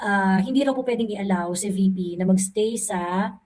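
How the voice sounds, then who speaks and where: A woman giving casual commentary, pausing often to search for words. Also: mid-range voice, a little mellow, slight background noise, poor audio. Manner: searching for words, many fillers.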